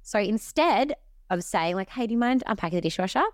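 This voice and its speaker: A woman's voice: medium pitch, lively intonation, a little fast, dry recording, studio quality. Blunt, sweary woman co-host. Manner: blunt, swears casually, tip-giving. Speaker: podcast co-host. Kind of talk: casual chat.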